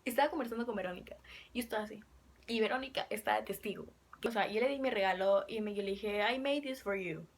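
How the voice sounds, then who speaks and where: A young woman casually telling a fan story to camera, chatty and excitable, sometimes dropping to a whisper. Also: medium pitch, quick pace, a little hiss or hum. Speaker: fan vlogger.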